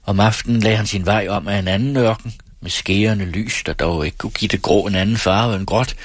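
A man reading a novel aloud in a slow, grave, measured way. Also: on the low side, no room sound. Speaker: narrator. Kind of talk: audiobook reading.

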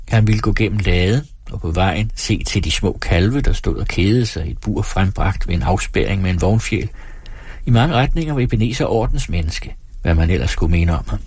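Male audiobook narrator, husky and low, measured delivery, dry close mic. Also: no echo. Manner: steady, measured reading.

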